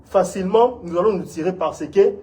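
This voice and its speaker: Earnest man with a higher voice. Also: fairly quick, mellow. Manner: earnest, encouraging, often asks "vous voyez?". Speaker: instructor. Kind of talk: encouraging community talk.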